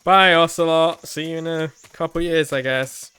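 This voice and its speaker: A man's voice: on the high side, fairly even intonation, moderate pace, bright, forceful tone, clean tone. A man giving playful, informal commentary while playing a video game. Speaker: gamer hosting a playthrough.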